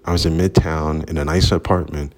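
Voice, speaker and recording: A man's voice: rumbling low, steady tone, fairly quick. A man casually telling a story outdoors, rambling and candid, swearing freely. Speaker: vlogger. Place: outdoors at sunrise.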